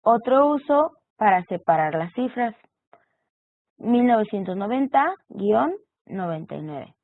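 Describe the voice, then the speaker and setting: A woman's voice: mid-range voice, animated, a little slow, no echo. A woman explaining punctuation and text structure as an online course teacher, walking through examples. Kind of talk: recorded online lecture. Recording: tinny phone-like audio.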